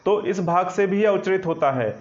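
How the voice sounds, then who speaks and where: Man, high voice, patient grammar teacher, online exam coaching, repeats check-in phrases, somewhat muffled lo-fi audio. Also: fairly quick. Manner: explains patiently, repeating "ठीक है ना" often. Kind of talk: online exam-prep lesson. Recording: slightly dull lo-fi sound.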